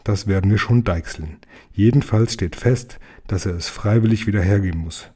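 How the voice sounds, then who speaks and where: A man's voice: lowish voice, moderate pace, background noise, close to an everyday voice. A man reading a lecturing, bossy boy leader.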